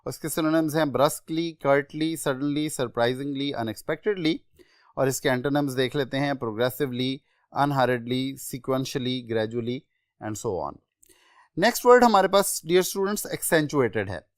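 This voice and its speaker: A man's voice: medium pitch, no room sound. Pakistani man teaching vocabulary, dry sound. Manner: measured, explanatory, lists synonyms one by one. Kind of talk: exam-prep vocabulary lecture.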